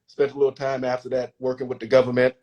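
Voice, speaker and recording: A man's voice: mid-range voice, flat delivery, fast, dull audio. A man in his fifties from New Orleans, a guest in a casual interview, easygoing and joking.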